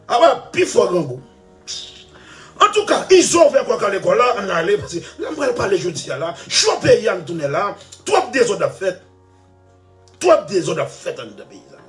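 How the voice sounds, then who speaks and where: A man telling a story about playing music, laughing, shouting at times and dropping to mutters. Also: high-pitched, very animated, moderate pace. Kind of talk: animated storytelling rant. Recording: faint music behind.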